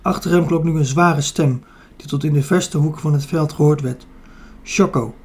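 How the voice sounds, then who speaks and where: A man reading a children's adventure audiobook aloud. His voice sits fairly high but stays flat and even, with a mellow, somewhat husky timbre. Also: fairly quick. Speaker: audiobook reader. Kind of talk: scripted narration of a children's novel.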